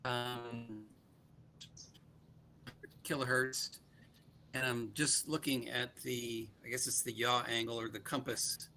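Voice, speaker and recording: A man's voice: medium pitch, level tone, slow, pauses often, sharp tone, slight background noise. A man on a video call with clipping, distorted mic audio, casually showing his robot project and talking with many ums and restarts. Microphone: computer mic on a video call.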